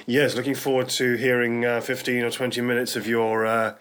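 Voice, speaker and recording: A British man hosts a radio interview in a medium-pitched voice. He talks conversationally and hesitantly, circling round his point and repeating words as he goes. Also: little pitch movement, a little fast, fairly bright tone, clean tone. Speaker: talk radio host.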